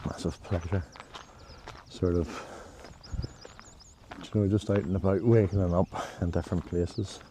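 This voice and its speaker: Here a deep-voiced man, a travel vlogger, speaks a bit slowly with fairly even intonation. He rambles and hesitates, restarting often, as he films himself on a handheld camera during a walk in nature. Background noise runs under the recording.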